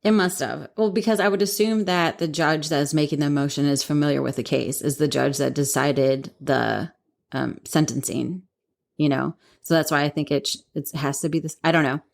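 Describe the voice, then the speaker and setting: A woman's voice: sits low, fairly even intonation, moderate pace, creaky. A woman co-hosting a podcast, telling a story in casual chat, rambling and laughing often. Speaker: podcast co-host.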